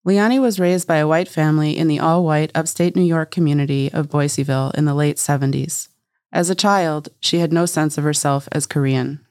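A woman radio reporter narrating a feature story in an even, reportorial tone. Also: sits low, a little fast, no room sound, studio quality. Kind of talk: scripted narration.

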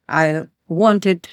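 A woman with a Ukrainian accent recounting her childhood in an interview, halting and searching for words. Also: mid-range voice, a little mellow, dry recording, clean studio sound. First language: Ukrainian or Russian. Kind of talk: interview storytelling.

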